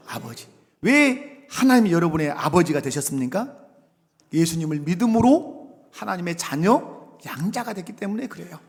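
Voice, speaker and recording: A middle-aged male pastor preaching to his congregation, his voice pitched high and swinging widely between soft, chatty asides and loud, fervent appeals. A long reverb from the church sanctuary trails every phrase. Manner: conversational, rising to loud fervent exhortation. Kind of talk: sermon.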